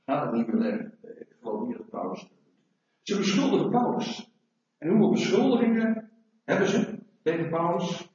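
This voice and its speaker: Animated preacher in an echoey hall. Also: male voice, high voice, moderate pace. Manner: animated, rhetorical questions to the congregation. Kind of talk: sermon. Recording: echoey hall, mic far off, dull sound.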